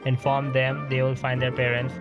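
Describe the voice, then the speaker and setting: Game music runs in the background as a young gamer in early adulthood gives wry, grumbling commentary on a playthrough. He talks at normal speed in a monotone, medium-pitched voice.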